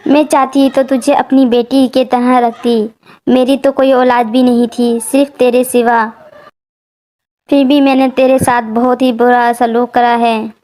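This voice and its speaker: A woman puts on a once-harsh stepmother in a storybook tale, now pleading and remorseful. Her voice is high. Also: little pitch movement, a little slow, a little mellow, close to an everyday voice.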